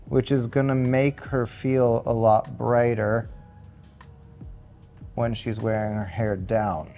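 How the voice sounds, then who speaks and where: A man working as a hairstylist, calmly explaining each technique step by step as he goes. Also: medium pitch. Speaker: hairstylist and makeup artist. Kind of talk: step-by-step tutorial narration.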